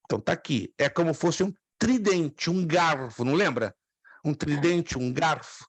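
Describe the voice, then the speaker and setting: A male teacher lecturing a classroom, slowing down to repeat sounds and quizzing his students. His voice sits a touch high for a man and sounds close and dry, with little room echo. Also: husky. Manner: explains patiently, repeats words slowly, asks the class questions. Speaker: theology teacher.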